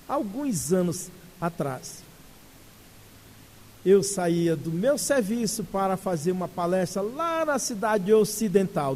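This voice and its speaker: A Brazilian man tells a story during a spiritist lecture with animated, humorous delivery. His voice sits high and moves through a very wide range. The hall lends it a long, lingering reverb. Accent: Brazilian Portuguese. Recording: echoey hall.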